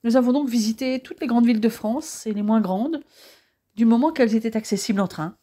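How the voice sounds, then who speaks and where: A woman's voice: on the high side, a little fast, warm tone, natural voice. A woman reading the lines of an affectionate young woman who loves history, in an audiobook. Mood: chatty.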